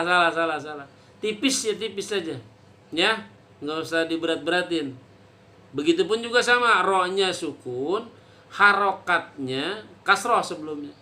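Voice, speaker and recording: Slow, bright-voiced male teacher. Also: fairly high pitch. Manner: casual and joking, drawing out Arabic examples slowly. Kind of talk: recorded Quran reading lesson for children.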